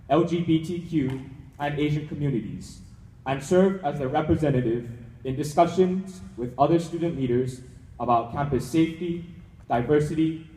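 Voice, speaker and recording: A young man delivers a prepared speech with a Hawaiian accent. His voice sits a little high, and it rings through a large, echoey hall with long reverb. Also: mellow. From Hawaii, United States. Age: young adult. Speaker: student scholarship winner giving a speech. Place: large indoor event hall.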